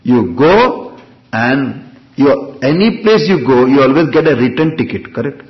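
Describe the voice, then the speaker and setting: A man's voice: mid-range voice, expressive, unhurried, lo-fi sound. A man with a North Indian accent giving a scriptural discourse as a spiritual teacher, in a didactic way, often asking questions and answering them himself.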